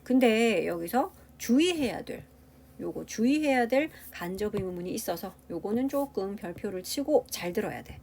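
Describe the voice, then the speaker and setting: A woman's voice: mid-range voice, lively intonation, moderate pace, creaky, a little mellow. A woman English teacher giving a grammar lecture, explaining step by step and asking the class rhetorical questions.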